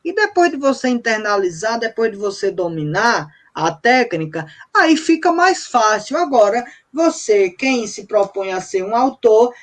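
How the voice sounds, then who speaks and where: A man's voice: high voice, big pitch swings, measured pace, few pauses, a bit bright. A poet being interviewed on radio, explaining his craft patiently like a teacher. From Bahia, Brazil. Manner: patient, teacherly, counts out examples. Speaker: cordel poet, interview guest. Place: radio studio.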